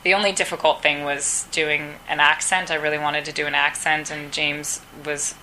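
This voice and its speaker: A woman's voice: low-pitched, level tone, moderate pace, bright, forceful tone, a little hiss or hum, low-quality recording. A woman, an actress, answering questions at a press round table in a casual, chatty way, acting out quoted dialogue as she tells stories.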